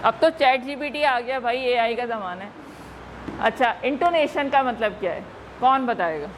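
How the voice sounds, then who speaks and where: A woman from Pakistan leading a teacher-training workshop, slowly modelling words and quizzing the class. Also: on the high side, expressive, slight background noise, rough recording.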